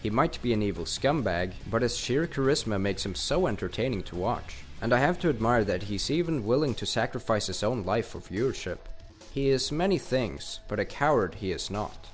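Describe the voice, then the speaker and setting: Lower-voiced male YouTuber, scripted ranking voice-over, casual, faint music bed. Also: animated, moderate pace. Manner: enthusiastic, casual slang. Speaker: video game YouTuber. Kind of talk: scripted countdown narration.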